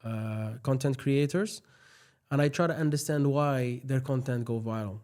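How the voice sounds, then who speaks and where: A man's voice: mid-range voice, normal speed, a little mellow. A man talking casually in a podcast conversation, explaining things in informal, English. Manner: explanatory, informal non-native English phrasing.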